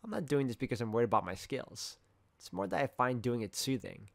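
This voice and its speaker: A man's voice: mid-range voice, sing-song, a little fast, creaky, no room sound. A man reading first-person story narration aloud from a visual novel. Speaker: reader of a visual novel playthrough.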